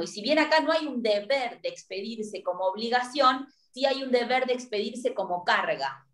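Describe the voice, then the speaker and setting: A woman with an Argentine accent gives a university law lecture, explaining step by step and checking in often with her listeners. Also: fairly high pitch. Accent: Argentine Spanish. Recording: roomy echo.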